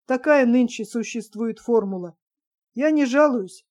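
A woman's voice: a little high, unhurried, a little mellow, lightly acted. A woman voicing a bitter, reckless young male officer who talks bluntly and sardonically. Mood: sardonic.

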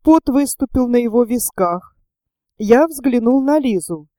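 A woman narrating a classic novel in a measured, scripted audiobook reading. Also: a little high, expressive, mellow, no echo, studio quality.

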